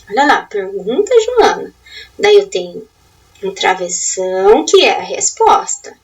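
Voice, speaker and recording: Female teacher, high and animated, quizzing pupils through an exercise, voice slightly off the mic. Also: distant mic, low-quality recording. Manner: asks questions and gives step-by-step instructions; rising, emphatic teacher intonation. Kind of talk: remote lesson going over a worksheet.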